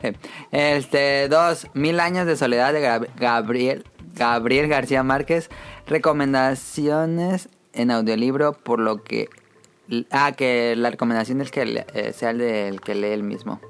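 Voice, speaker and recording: A man's voice: medium pitch, a little slow, smooth. A man hosting a podcast, cracking jokes while moving through the segments. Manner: joking, runs the segments. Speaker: podcast host. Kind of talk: casual chat.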